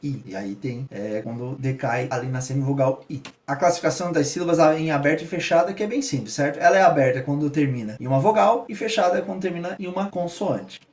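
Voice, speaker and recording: A male teacher giving a patient, step-by-step explanatory lesson, often pausing to check that his students follow. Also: fairly high pitch, darkish tone. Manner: patient, spells out examples, keeps checking in with listeners. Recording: roomy echo, voice from a distance.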